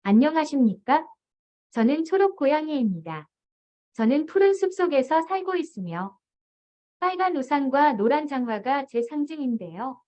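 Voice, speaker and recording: A woman's voice: sits high, lively intonation, moderate pace, warm tone. A woman's synthetic text-to-speech voice playing a polite green cat from a children's story, formal and sing-song, played back in dull lo-fi sound. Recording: dull lo-fi playback.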